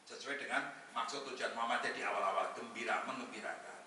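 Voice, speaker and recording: Talking at a quick pace in a mid-range voice, a man gives a humorous religious talk as guest speaker; he heads a national Muhammadiyah institute. He jokes with the audience and weaves Arabic verses into lively banter, recorded from afar in an echoey hall with faint noise.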